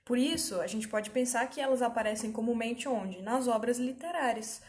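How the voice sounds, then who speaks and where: A woman's voice: on the high side, normal speed, a little mellow. Patient woman teaching a lesson. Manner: patient explaining, frequent check-ins with students. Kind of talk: online grammar lesson.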